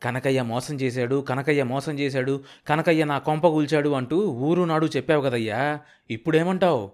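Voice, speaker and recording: A man voicing an excited, scheming male village middleman who talks in a loud, high, insistent way. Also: moderate pace, close to an everyday voice. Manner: shouting, high-pitched and insistent.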